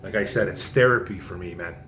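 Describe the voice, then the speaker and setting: A man's voice: fast talker, pushed and bright. A man giving a passionate, repetitive casual sports rant as a vlogger, often tossing in "man". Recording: roomy echo, faint low rumble.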